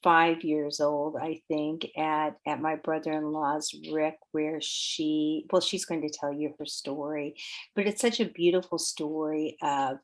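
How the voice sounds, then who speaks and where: A woman hosting a spiritual podcast, speaking in a gentle, heartfelt way and often searching for her words. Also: deep voice, flat delivery, unhurried. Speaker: podcast host. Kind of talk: podcast intro and interview.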